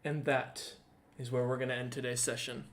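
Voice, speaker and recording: A man who is the dungeon master, narrating a tabletop game in a casual, halting way with lots of fillers. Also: medium pitch, level tone.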